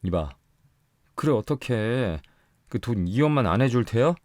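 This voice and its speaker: A man voicing an angry, threatening rural husband who shouts coarse country speech. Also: medium pitch, animated, unhurried, no echo, clean studio sound, voice pushed up, lightly acted. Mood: menacing.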